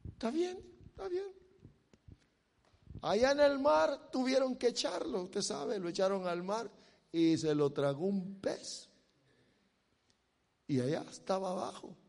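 A man preaching a sermon in a high, unhurried voice, rising to loud exhortation and then dropping to near-quiet asides. His words ring through a long hall reverb. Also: lively intonation, gravelly.

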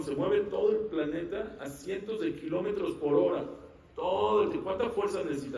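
A rabbi giving an animated Torah lecture, asking the audience questions and answering them himself. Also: male voice, on the high side. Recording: echoey room, mic at a distance.

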